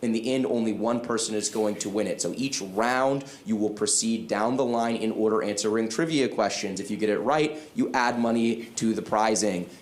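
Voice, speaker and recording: Upbeat low-voiced man hosting a game show. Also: normal speed, few pauses, roomy sound. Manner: upbeat, explaining rules clearly. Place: event stage.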